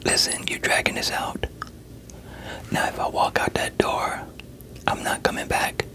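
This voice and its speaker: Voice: unhurried, sharp tone. A performer in a whispered role-play voicing a veteran police interrogator who coaxes and pressures a suspect in a sceptical, streetwise way. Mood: sceptical, pressing.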